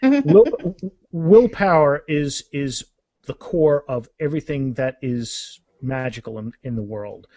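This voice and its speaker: Warm-toned and mid-range, the man speaks a little slowly, with no room sound in the recording. He's a guest author casually and animatedly discussing his books in an interview, stressing points and often repeating words as he goes.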